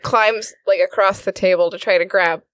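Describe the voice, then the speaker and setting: A woman's voice: mid-range voice, steady tone, normal speed, no room sound. A woman playing in a tabletop game, describing what her character does. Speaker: player. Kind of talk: tabletop role-play.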